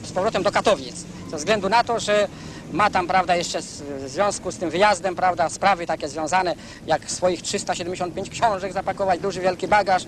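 A man's voice: sits high, fairly quick, background noise. A man in a 1970s newsreel recording gives a rambling spoken account as an interviewee, often saying "prawda" and restarting his sentences. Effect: 1970s newsreel sound recording.

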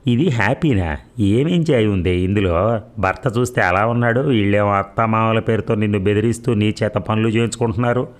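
Storybook: man reads headstrong young woman friend, mocking and argumentative, very deep voice. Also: a little fast, natural voice. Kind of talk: storybook reading.

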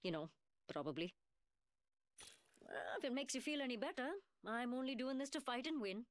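Rampart, actress as cocky high-pitched London gunfighter. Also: female voice, lively intonation, moderate pace, no room sound, natural voice. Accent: British, working-class London. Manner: taunting, slangy, sarcastic. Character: cocky, mocking young woman gunsmith fighter, brash and cheeky. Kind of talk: video game character voice lines.

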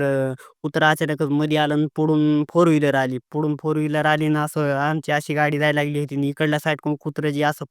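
A man's voice: fairly high pitch, clean tone, no echo, studio quality. A man, telling a story at length in a casual vlog, circling back and repeating himself. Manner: rambling and repetitive, retelling events with many restarts. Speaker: vlogger.

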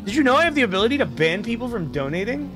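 A man's voice: very high-pitched, very animated, rapid-fire. A young man giving casual, joking, sweary gameplay commentary as a streamer. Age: young adult. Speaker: game streamer. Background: game music.

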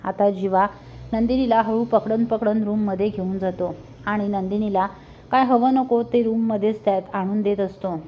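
A woman's voice: mid-range voice, steady tone, moderate pace, mellow, a little hiss or hum. A woman retelling episodes of a television serial in plain storytelling, quoting the characters. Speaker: narrator. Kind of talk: TV serial recap narration.

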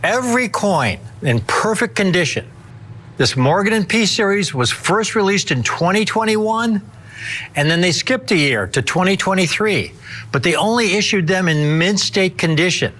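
Animated American man, hard sell pitch. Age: middle-aged. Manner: emphatic, deliberate phrasing with dramatic stress. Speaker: TV coin pitchman.

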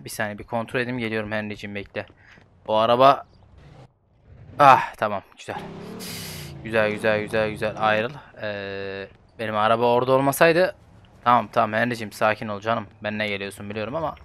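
A man's voice: mid-range voice, quick pace, fairly bright tone, clear, resonant tone. A young man giving casual, joking let's-play commentary full of swearing. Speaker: gaming YouTuber.

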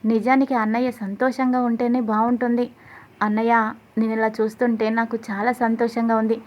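A woman's voice: fairly high pitch, flat delivery, a little fast, muffled recording, natural voice. A woman voicing a cheerful young man who speaks fondly about his older brother. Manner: cheerful, affectionate.

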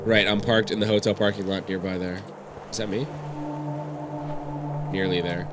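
A gaming streamer in his thirties, nasal and still getting over a cold, plays a horror game at his indoor desk with a headset mic as game music plays. He speaks at a moderate pace with fairly even intonation, but his commentary is jumpy and full of swearing. When startled, he yelps in high bursts.

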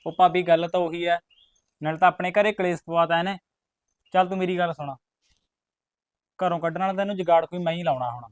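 An actor playing a scheming young man in a Punjabi village drama, hiding a secret marriage and urging others to keep quiet. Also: high voice, fairly even intonation, fast talker, pauses often, lightly acted. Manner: pleading, hushing, urgent. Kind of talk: rural village drama acting.

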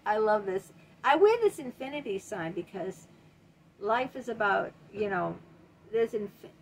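Close to a webcam on her desk, a woman in her late fifties delivers a motivational self-help talk in a bookshelf-lined room at home. She uses a mid-range, slightly bright voice, stresses her points by repeating key words, and often says "you know." There's slight background noise.

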